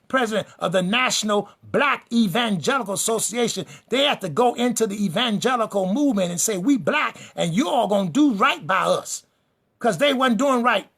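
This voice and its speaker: A man's voice: high voice, creaky, fairly bright tone, husky. A man preaching a fiery sermon-style lecture. He is emphatic and repetitive, speaks straight to his listeners, and builds lists and refrains for rhythm. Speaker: preacher and teacher.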